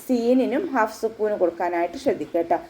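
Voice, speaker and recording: A woman's voice: mid-range voice, quick pace, darkish tone, rough recording. A woman Quran teacher giving a patient, step-by-step tajweed lesson, often checking that her students follow. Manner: patient step-by-step instruction, with frequent checks for understanding.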